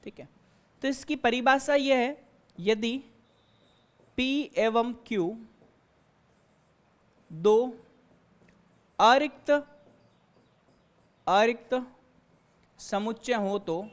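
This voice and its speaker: A woman's voice: a little high, very slow, pauses often. A woman math teacher giving a classroom lecture, explaining step by step and asking and answering her own questions. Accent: Hindi-speaking Indian.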